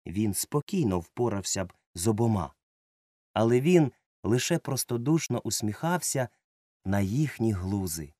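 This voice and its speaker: A man narrating a children's story as an audiobook, reading in a lively, expressive way. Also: on the low side, a little slow, no echo, studio quality.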